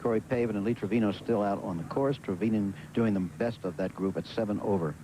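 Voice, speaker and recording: An American man giving live golf commentary as lead television announcer, in a measured, formal way with pauses. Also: lowish voice. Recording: noisy outdoor broadcast, vehicle and ambient sound.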